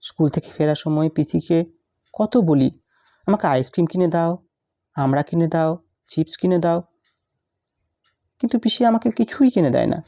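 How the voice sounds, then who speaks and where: Brief: recited story; a lonely little girl, read by a woman, plaintive and pleading, low mellow tone. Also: animated, moderate pace, pauses often. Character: lonely neglected little schoolgirl, wistful.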